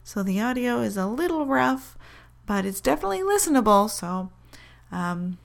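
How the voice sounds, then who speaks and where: A woman podcast host speaking informally to listeners in a short announcement, on slightly rough audio. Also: on the high side, big pitch swings, moderate pace. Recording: rough audio through headset microphone.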